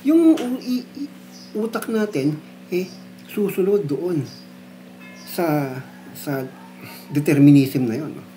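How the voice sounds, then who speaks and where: A man's voice: on the high side, a little mellow, a little hiss or hum. Man explaining philosophy casually. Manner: conversational, frequent tag questions and fillers. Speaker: philosophy lecturer.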